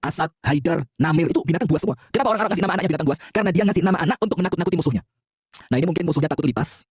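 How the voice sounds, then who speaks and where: A man preaching a lively, joking sermon, quizzing the audience and having them call back answers. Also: fairly high pitch, very fast, husky, dry recording, studio quality.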